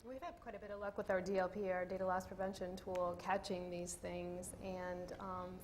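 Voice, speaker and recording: A woman's voice: medium pitch, creaky, a little hiss or hum. A woman on a conference panel, matter-of-fact and brief. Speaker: panelist CIO. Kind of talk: panel discussion.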